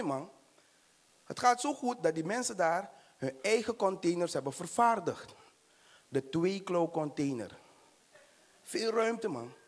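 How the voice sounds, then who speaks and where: A man with a Surinamese Dutch accent doing stand-up comedy on stage, animated and acting out voices with shouted punchlines. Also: high voice.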